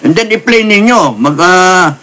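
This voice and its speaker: This man from the Philippines lectures on politics with an animated, high voice that sounds pushed and bright. He keeps a measured pace, mixes in English phrases, and apologizes again and again.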